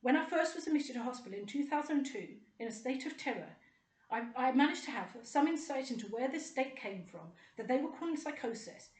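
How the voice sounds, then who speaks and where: A middle-aged British vlogger speaks directly to camera in a high voice, delivering a personal monologue that is indignant, rambling, and sarcastic. She sounds animated and fairly quick, and the recording has a roomy echo.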